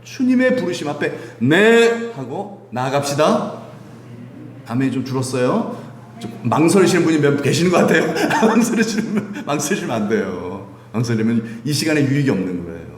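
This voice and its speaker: A man's voice: medium pitch, sing-song, fairly quick, a little hiss or hum. A man preaching a Sunday sermon as pastor, asking the congregation questions and chuckling often. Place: church sanctuary. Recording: echoey church sanctuary.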